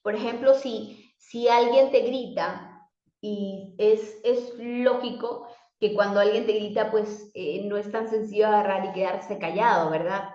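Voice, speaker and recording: A woman life coach gives a motivational talk in a steady, dark, mid-range voice, speaking a little slowly. She often asks herself questions by name and restarts a lot, with many fillers. The room is echoey and the sound dull.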